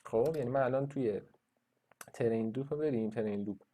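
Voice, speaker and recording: A university lecturer with a warm, medium-pitched voice talks through his code in a screen-recorded coding tutorial. He thinks aloud, using fillers and restarting sentences as he goes.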